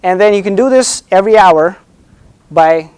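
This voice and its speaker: Hesitant man giving a halting thesis defense. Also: high voice, a little mellow, clean tone. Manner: hesitant and halting, with frequent repeats, stumbles and checking "right?". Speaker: doctoral candidate presenting. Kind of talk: academic thesis defense presentation.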